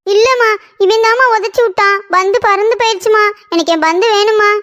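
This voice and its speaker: A woman's voice: very high voice, a little fast, pushed and bright. A woman voicing a young boy in a cartoon story who whines and cries over his ball. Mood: crying. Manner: whining, tearful.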